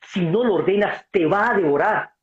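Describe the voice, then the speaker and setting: A man's voice: sits high, normal speed. A man giving passionate, preaching-style answers on a video call, emphatic and acting out dialogue. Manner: emphatic, acts out dialogue, addresses listener as brother. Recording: dull lo-fi video call audio.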